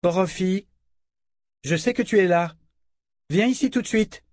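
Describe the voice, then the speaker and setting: A man's voice: mid-range voice, moderate pace, a little mellow, dry recording, close to an everyday voice. A man voicing a stern, commanding female inquisitor in a raised, scolding voice, in an audiobook.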